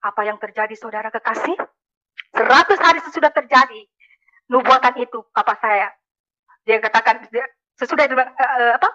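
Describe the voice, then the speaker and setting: High-voiced woman giving an emphatic testimony. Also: a little fast, long pauses, bright, forceful tone, highs cut off. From Makassar, Indonesia. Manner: emphatic storytelling, often calling listeners "saudara kekasih". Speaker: testimony speaker. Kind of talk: religious conversion testimony to a congregation.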